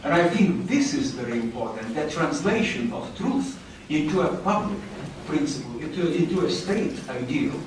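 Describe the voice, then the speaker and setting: Male panelist, Central European accent, emphatic and rhetorical, slightly high-pitched, heard in a very echoey room. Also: very animated, normal speed, hardly any pauses. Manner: emphatic, rhetorical, formal phrasing. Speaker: panel speaker. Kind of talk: impassioned public panel discussion. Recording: very echoey room, distant mic, faint noise.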